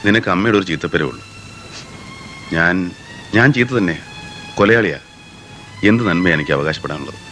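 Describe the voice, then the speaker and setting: An actor playing a reformed gangster man now driving a taxi, answering in low, clipped lines. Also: animated, fairly quick, pauses often, fairly bright tone, faint music behind. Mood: tender. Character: ex-gangster man turned taxi driver, defiant.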